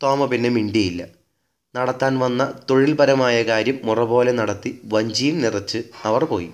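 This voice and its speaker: A man reading a story aloud in a measured, wry narrating manner. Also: mid-range voice.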